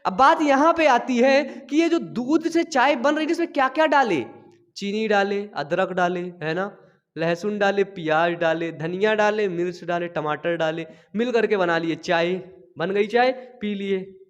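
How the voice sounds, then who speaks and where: Young male biology teacher with a very high voice, lively lecture delivery, quizzes students and answers his own questions. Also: a little slow. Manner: motivating, playful everyday examples. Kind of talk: energetic classroom lecture.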